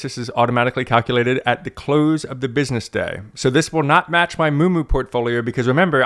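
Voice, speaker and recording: A man's voice: medium pitch, fairly bright tone. A man walking viewers through his investment portfolio in a chatty, wry, self-mocking way, as host of a personal finance channel. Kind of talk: casual screen-share walkthrough.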